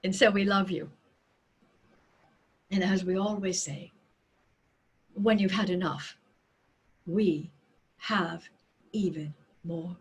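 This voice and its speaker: A woman speaking as a seance medium in trance, voicing a loving, serene spirit collective with solemn, deliberate phrasing and dramatic pauses. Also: lowish voice, fairly even intonation, slightly rough, exaggerated voice. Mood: tender.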